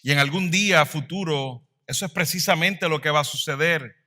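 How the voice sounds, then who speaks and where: A man preaching a sermon as pastor, swelling louder and then dropping to a hush. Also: on the high side, moderate pace.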